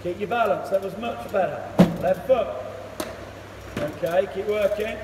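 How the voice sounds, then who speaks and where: A man coaching cricket in a big indoor net hall, his high voice picked up from across the room. He gives brisk instructions and quick praise. The hall rings with a long echo, and loud noise sits under everything. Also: recorded from a distance. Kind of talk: one-to-one coaching session. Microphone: camera across the net, far off.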